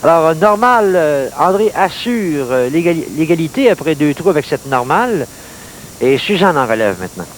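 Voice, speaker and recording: Quebec man in golf-commentator play-by-play, slightly high-pitched. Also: big pitch swings. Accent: Quebec French. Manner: measured, clipped phrases following each shot. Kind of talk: golf-commentator style play-by-play of a mini-putt match. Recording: noisy late-1980s TV sports recording.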